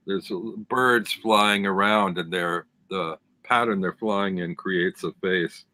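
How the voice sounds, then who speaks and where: A man's voice: sits low, takes it slowly, bright, forceful tone. A man co-hosting a casual live-stream chat, talking enthusiastically and describing details over a video call. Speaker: tarot deck reviewer, co-host.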